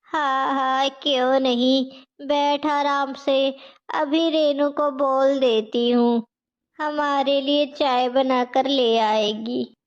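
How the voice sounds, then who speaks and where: A woman's voice: high-pitched, steady tone, takes it slowly, muffled recording. A woman voicing a strict middle-aged mother-in-law who scolds sharply, in a storybook tale. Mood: friendly.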